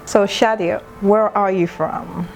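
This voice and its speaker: A woman's voice: medium pitch, fairly even intonation, slow, gravelly, a little mellow, soft background music. A woman hosting a TV fashion interview, asking brief upbeat questions. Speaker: show host.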